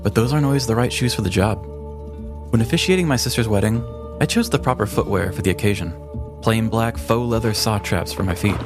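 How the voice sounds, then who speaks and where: An American podcast co-host with a lowish voice speaks briskly over music, mixing scripted true crime narration with casual banter in a storytelling, conversational style.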